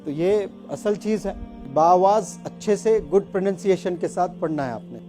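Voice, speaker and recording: A man teaching a student to recite, encouraging her and tossing in quick English prompts. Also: high-pitched, warm tone, soft background music.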